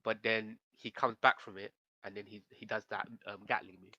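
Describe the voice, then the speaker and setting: A man co-hosting a casual podcast, retelling a story in a rambling, animated way full of slang. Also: fairly low pitch, moderate pace, no room sound, muffled recording. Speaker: podcast co-host. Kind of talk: casual chat.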